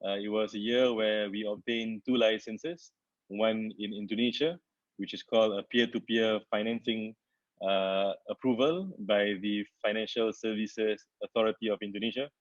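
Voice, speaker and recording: Man, low voice, dull webinar audio. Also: steady tone, no room sound. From Singapore. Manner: halting, with frequent "uh" fillers and restarts. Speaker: company founder presenting a webinar. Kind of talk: webinar presentation. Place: his home.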